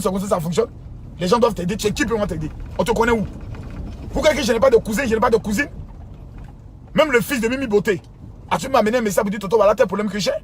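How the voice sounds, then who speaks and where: A pastor, a man, speaking to his followers in an impassioned, scolding rant. He repeats himself and swings from low muttering to shouting. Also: slight background noise.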